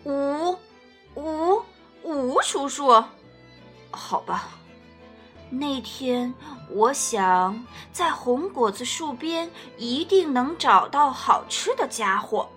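A woman's voice: high-pitched, animated, very slow, a bit bright, soft background music, exaggerated voice. Woman doing a big hungry T. rex. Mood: gruff, gentle. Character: gruff hungry big male T. rex, softening. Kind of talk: picture-book read-aloud.

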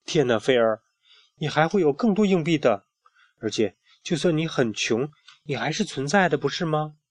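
A man doing a gentle reassuring companion. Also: a little high, animated, normal speed, husky, no room sound. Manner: soft, reassuring. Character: gentle kindly companion creature.

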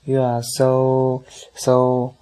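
A man puts on an overexcited young guy with broken English who blurts things out eagerly. He sounds a little higher and more animated than a plain storyteller. The voice is mellow underneath. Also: takes it slowly, low-quality recording. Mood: shouting.

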